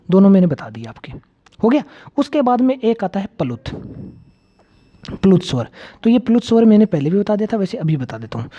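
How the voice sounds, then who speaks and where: A man's voice: sits high, dull audio. A man teaching an exam-prep grammar lecture, repeating key terms and asking and answering his own questions.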